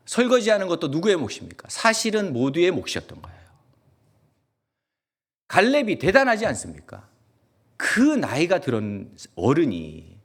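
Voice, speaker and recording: A male pastor with a Gyeongsang accent, preaching a lively sermon and asking the congregation question after question. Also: high-pitched, slightly rough. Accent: Gyeongsang Korean. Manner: animated, asks the congregation many questions; acts out quoted voices in dialect. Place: church sanctuary.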